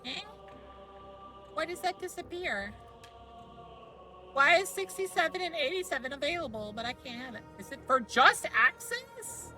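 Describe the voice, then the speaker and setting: A woman streaming a game live, chatting playfully with viewers and breaking into loud tsundere-style outbursts. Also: high-pitched, expressive, normal speed, pauses often, faint music behind. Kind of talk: live gameplay chat.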